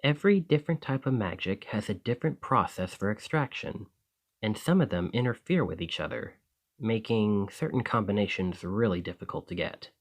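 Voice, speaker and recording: In an ASMR roleplay, a man plays a friendly, earnest alchemist who's easily flustered, chatting conversationally with the listener. His lowish voice is animated and normal in speed, explaining enthusiastically but turning hesitant when embarrassed.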